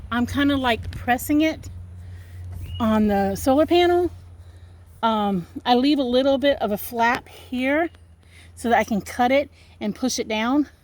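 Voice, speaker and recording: A middle-aged woman vlogging in a casual, rambling, folksy way, talking to her viewers from a car and while working on a van. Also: a little high. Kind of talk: casual vlog chat. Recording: loud vehicle and street noise.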